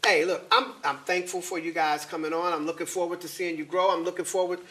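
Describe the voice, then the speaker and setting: A man hosting a faith talk show, animated and encouraging in a preacherly way. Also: high voice, fast. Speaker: host.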